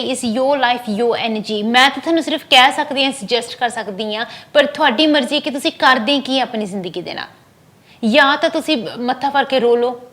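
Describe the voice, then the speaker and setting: A woman's voice: high voice, a bit bright. A woman hosting a live call-in show as a spiritual reader, talking earnestly and reassuringly to viewers, switching between Punjabi and English and repeating her phrases. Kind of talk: direct-to-camera advice talk.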